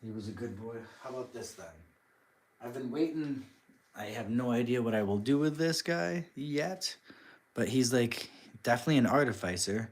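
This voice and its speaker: A man's voice: medium pitch, moderate pace. A man casually chatting with viewers on a live stream while he crafts, reading and answering the chat.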